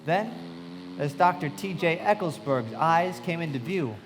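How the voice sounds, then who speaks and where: Unhurried and expressive, a slightly high male voice narrates as a reflective young man with a keen eye, carefully and vividly recounting memories. It's a live radio play, captured in a reverberant hall with a little background noise.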